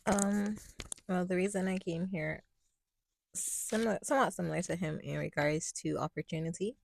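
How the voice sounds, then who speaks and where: Panelist, young woman from Barbados, low gravelly voice, measured and hesitant. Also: no room sound, clean studio sound. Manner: measured, hesitant, with many ums. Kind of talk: casual panel talk.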